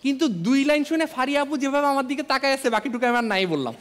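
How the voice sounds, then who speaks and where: A man's voice: very high-pitched, animated, fast. A man with a Bangladeshi accent, telling stand-up comedy stories and acting out dialogue on stage. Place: indoor TV comedy stage before an audience. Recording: reverberant stage hall, loud audience noise.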